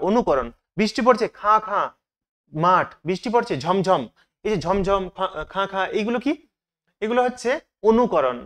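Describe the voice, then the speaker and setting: High-voiced guy teaching exam prep, keeps asking the class then answering himself. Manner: asks questions and answers them himself.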